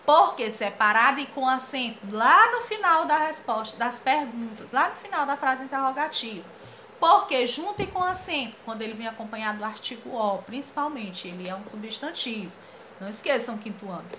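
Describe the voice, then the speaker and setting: A Brazilian woman teaching a children's grammar lesson, animated and playful as she reads out comic strip lines. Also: on the high side, brisk, slight background noise. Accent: Brazilian Portuguese. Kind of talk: lively classroom lesson for children.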